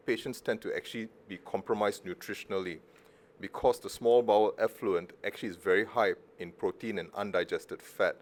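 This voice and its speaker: A middle-aged male surgeon from Malaysia gives a conference presentation in a fairly low voice. He talks casually and drops wry, self-deprecating jokes between the clinical points. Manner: casual, joking asides, self-deprecating humour. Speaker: surgeon giving a conference talk.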